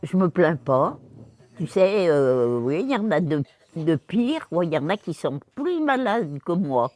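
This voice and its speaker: Woman over a hundred, care home resident. Slow, animated, laughs easily. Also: fairly low pitch. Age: 100s. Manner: chuckling, easygoing, unhurried. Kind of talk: casual interview answers.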